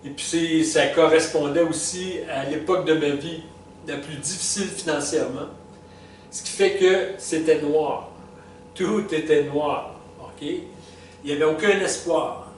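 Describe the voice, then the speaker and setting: With a steady tone on the high side, a Québécois man in his sixties, a retired vlogger from Quebec, looks back over his life stages in casual spoken reflection. His delivery halts, filled with fillers, restarts and little chuckles, and he's recorded from a distance in an echoey room with faint hiss.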